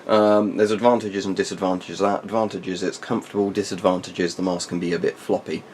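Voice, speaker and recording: A man's voice: low-pitched, level tone, a little fast, a little mellow. A man reviewing military surplus gear in a casual, unscripted way, explaining informally with rambling asides. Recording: faint background noise.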